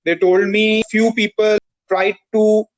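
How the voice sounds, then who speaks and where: A man from Pakistan practicing English over a video call, speaking carefully with many "uh" pauses. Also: high-pitched, level tone, poor audio. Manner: careful, hesitant, frequent "uh" pauses. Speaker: English learner. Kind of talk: conversation practice.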